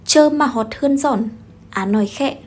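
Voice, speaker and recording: Husky woman narrating a story. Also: high-pitched, normal speed, darkish tone.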